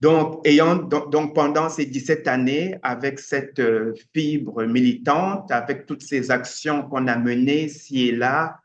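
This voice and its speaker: A man from Cameroon, a writer and activist, answering interview questions thoughtfully with frequent pauses and restarts. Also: medium pitch, a little hiss or hum. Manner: hesitant, many pauses and restarts. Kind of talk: interview answers, reflective storytelling. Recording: dull lo-fi sound, faint ambience.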